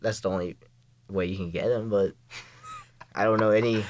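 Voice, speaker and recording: A man's voice: on the low side, steady tone, normal speed, a little hiss or hum. A man of twenty-one, a college student and podcast guest, chatting casually and laughing often.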